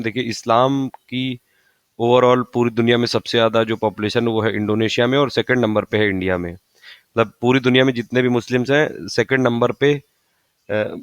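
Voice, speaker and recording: A man explaining exam facts in a casual, rambling lesson, repeating points and pausing with fillers. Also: medium pitch, clean tone, no room sound. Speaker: exam-prep tutor.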